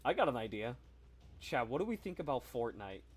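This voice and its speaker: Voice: mid-range voice, very animated, brisk. A young adult game streamer with a neutral voice, chatting casually with live stream viewers. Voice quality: neutral, versatile voice. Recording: noisy game stream with clicks.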